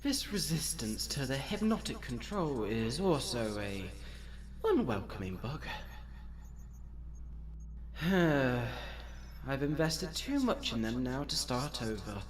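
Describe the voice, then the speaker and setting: In a comic dub, a man voices a scheming mad-scientist platypus who is pompous, articulate and theatrically condescending. His mid-range voice is sing-song and slow, and the mood is musing and frustrated.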